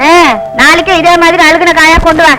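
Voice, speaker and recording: A woman's voice: very high voice, little pitch movement, fairly quick, poor audio. An actress playing a stern motherly woman who scolds but feeds the young men. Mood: scornful. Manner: gruff, scolding. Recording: film soundtrack with music.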